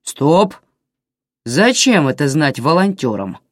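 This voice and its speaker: An audiobook reader voicing a grumpy, bitter elderly stepfather who grumbles gruffly, with lively pitch. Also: moderate pace, dry recording, studio quality, lightly acted. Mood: grumbling. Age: older.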